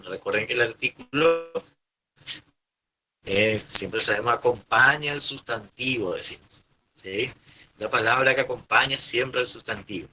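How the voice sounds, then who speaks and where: A man's voice: mid-range voice, measured pace, long pauses, pushed and bright, slightly rough, rough recording. A middle-aged man with an Argentine accent teaching a grammar lesson, patiently repeating points and checking in with his class. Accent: Argentine Spanish. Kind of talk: online class explanation.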